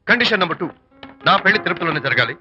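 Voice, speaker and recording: A man's voice: high voice, expressive, racing, pushed and bright, full character voice. An actor playing a fussy groom in a film who lays out his conditions and mixes in English. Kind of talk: film dialogue. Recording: muffled film soundtrack with music.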